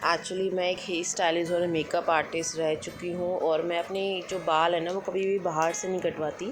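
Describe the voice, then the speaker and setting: A woman's voice: on the low side, level tone, normal speed, background noise. A woman in her thirties, a homemaker, chatting casually through her day at home, thinking aloud and mixing in English words. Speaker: homemaker vlogger. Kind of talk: casual daily vlog narration. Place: home kitchen. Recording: echoey room with background music.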